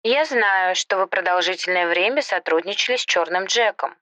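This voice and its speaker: A man's voice: high-pitched, normal speed, pushed and bright, no echo, voice pushed up. A man voicing a poised, bold young corporate woman in an audio story, polite, insistent and businesslike. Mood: smooth, insistent.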